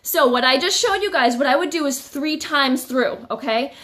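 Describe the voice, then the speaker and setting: A woman's voice: sits high, expressive, moderate pace, bright, forceful tone. A woman fitness instructor leading a live-streamed workout, a little out of breath, upbeat and chatting with her viewers. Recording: echoey room, voice from a distance.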